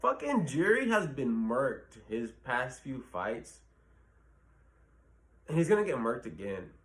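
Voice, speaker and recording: A man's voice: medium pitch, big pitch swings, slow. A man hosting his own channel, giving blunt, profane fight predictions in a rambling casual talk full of fillers. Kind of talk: casual solo commentary.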